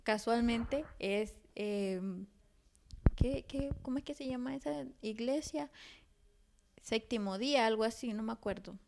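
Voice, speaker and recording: A woman's voice: fairly high pitch, a little slow, gravelly, noisy background. A woman in her thirties recounting a personal story in a conversational interview, rambling with many restarts. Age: 30s. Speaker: interview guest.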